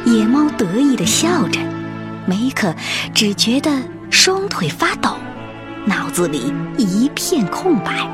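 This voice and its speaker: A woman narrator presenting a children's fairy tale in expressive, scripted storytelling. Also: fairly high pitch, slow pace, music in the background.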